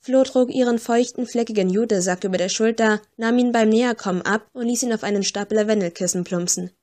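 A woman's voice: on the high side, fast, a little mellow. Woman narrating an audiobook wryly. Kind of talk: scripted first-person audiobook narration.

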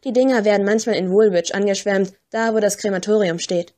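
A woman's voice: mid-range voice, fairly even intonation, a little fast, mellow, lightly acted. Flo Bones, brash cheeky scavenger played by a woman. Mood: brash teasing. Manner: brash, crude, teasing. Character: scruffy cheeky young female river scavenger.

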